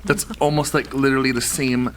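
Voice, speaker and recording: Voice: medium pitch, flat delivery, brisk, a little hiss or hum. A podcast co-host, playful and teasing, rallying the group to eat together. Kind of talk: casual chat over a food tasting.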